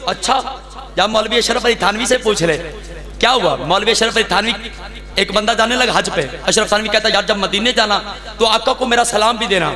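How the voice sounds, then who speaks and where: Male preacher, very high voice, acts out the stories and rouses the gathering, echoey hall. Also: a little fast. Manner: acts out the voices in his stories, calls the crowd to answer. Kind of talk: religious speech at a gathering.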